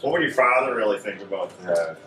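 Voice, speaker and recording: In a noisy convention gaming room, a man runs a tabletop horror game, his scene descriptions rambling and loose. His voice is fairly low, animated and brisk. The sound is echoey and distant.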